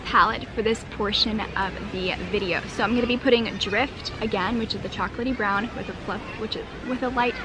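A woman's voice: mid-range voice, fairly quick, hardly any pauses, background noise. A young woman hosting a makeup tutorial, bubbly and chatty, sitting at an outdoor picnic table near the beach and filming herself up close. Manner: bubbly, chatty, lots of "super" and "fantastic". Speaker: beauty vlogger. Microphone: handheld camera close up.

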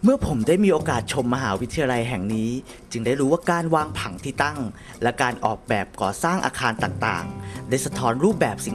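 A man presenting in a reverent, measured tone, reading a script and addressing the viewers. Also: medium pitch. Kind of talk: scripted narration. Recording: music bed under voice.

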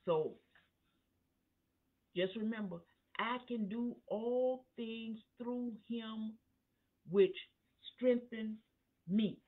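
A woman pastor preaching at a Bible study, in a slow, emphatic cadence that rises to fervent peaks. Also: fairly high pitch. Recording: tinny phone-line sound.

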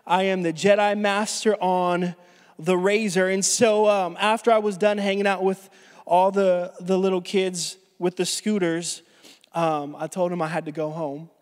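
A man's voice: high voice, little pitch movement, moderate pace. A man in his thirties preaching a sermon as pastor, telling a story casually with many restarts, a little out of breath. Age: 30s. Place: church hall. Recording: reverberant church hall.

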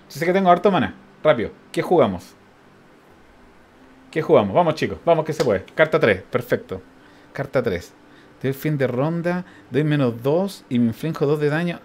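Speaking a little high, a Chilean-accented man streams a game with laid-back commentary. He keeps counting aloud, chuckling frequently and thinking out loud as he plays.

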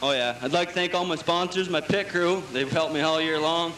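A man's voice: on the high side, brisk, fairly bright tone. A man, a race driver, giving a casual trackside interview. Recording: echoey PA, faint track noise.

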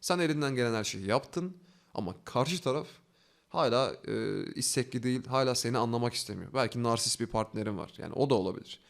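A man's voice: mid-range voice, expressive, gravelly. A man teaching a self-development lesson, walking through steps by asking himself questions and answering them, with an earnest, coaxing delivery. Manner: fast, earnest, coaxing delivery with rising emphasis. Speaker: online self-development instructor. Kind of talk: instructional talk.

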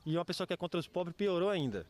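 A man's voice: sits high, very animated, very fast. A young man, a truck driver, giving a blunt, plain-spoken street interview outdoors into a handheld mic. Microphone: handheld reporter mic.

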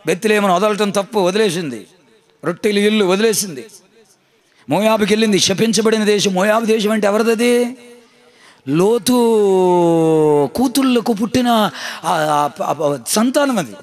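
A man's voice: high voice, normal speed, pauses often. A man preaching a sermon as pastor, emphatic, repeating his phrases and calling on the congregation to answer. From India.

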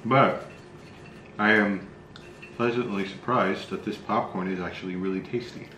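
A middle-aged man with a fairly low voice reviews food casually. He speaks in a halting, low-key way while tasting. The room is echoey, with faint noise behind him. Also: fairly even intonation, sharp tone. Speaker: spicy food review host. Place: small bright room indoors. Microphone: camera mic across a table.

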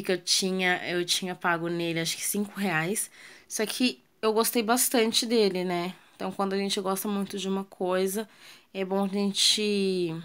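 A mother who vlogs from home narrates cleaning her kitchen in a Brazilian Portuguese accent, chatting with viewers, asking them questions and trailing off with fillers. Her voice is medium in pitch, fairly bright, clear and resonant.

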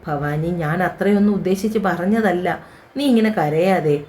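A woman voicing a gentle, fatherly retired uncle in an audio story, softly apologetic and fond. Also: high voice, moderate pace, slight background noise, lightly acted. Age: older.

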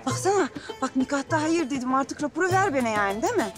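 A woman's voice: sits high, expressive, quick pace, music in the background. An actress playing a flustered, chatty young village woman who speaks in a TV comedy. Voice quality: rambling, folksy. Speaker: village bride Kamuran. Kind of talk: TV comedy acting.

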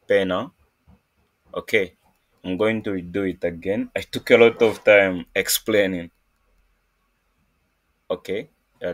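A man from Zambia hosting a casual screen-recorded coding tutorial, talking in a halting way with many fillers and restarts. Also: deep voice. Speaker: programming tutorial host.

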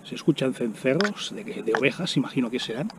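A man's voice: mid-range voice, animated, brisk, background noise. Chatty man eating outdoors. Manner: chatty, exclaims while eating. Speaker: vlogger. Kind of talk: casual outdoor vlog narration. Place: outdoors by a road in the woods. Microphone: camera on the ground in front.

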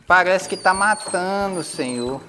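A woman's voice: on the low side, measured pace, a bit bright, faint music behind. A Brazilian woman soothing and coaxing her nervous dog through a bath, with sighs and exclamations. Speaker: pet owner vlogger. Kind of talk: casual talk while bathing a dog.

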